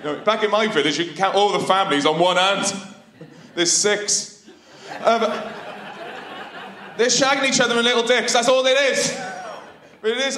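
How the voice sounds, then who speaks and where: A man's voice: sits high, fairly bright tone. A man in his thirties with a Welsh Valleys accent, performing a cheeky, sweary stand-up routine with punchy delivery into a handheld microphone. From Wales, the Valleys. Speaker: stand-up comedian. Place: large theatre stage, indoors. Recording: echoey theatre stage sound.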